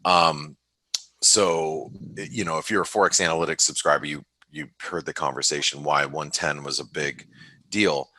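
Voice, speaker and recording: A man giving casual market commentary as an analyst on a trading webinar, halting and thinking aloud with many restarts and fillers. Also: rumbling low, sharp tone, no room sound.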